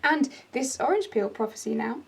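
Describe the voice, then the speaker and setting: Playful teenage girl played by a young woman; lively, slightly gravelly, teasing. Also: fairly high pitch, normal speed. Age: young adult. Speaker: student actor. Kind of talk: stage drama dialogue.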